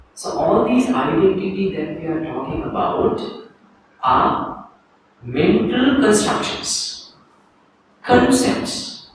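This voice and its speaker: Sri Lankan monk, slow and echoey. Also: male voice, high-pitched. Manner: slow, calm, leading a guided reflection. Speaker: Buddhist monk teaching. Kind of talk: dharma talk to a group. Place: teaching hall in Sri Lanka. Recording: echoey room, distant mic, faint noise.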